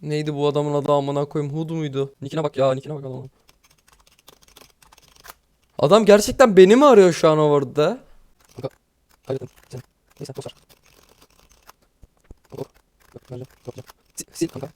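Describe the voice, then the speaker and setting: A young man giving casual, excitable commentary over his gameplay, swearing often and laughing nervously. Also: on the high side, moderate pace, pauses often. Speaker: gaming YouTuber.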